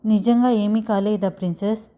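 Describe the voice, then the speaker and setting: A woman's voice: medium pitch, steady tone, normal speed, mellow, natural voice. A woman reading the lines of a protective young husband in a story, doting and anxious, in her own voice. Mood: tender. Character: protective young husband, tender but fierce.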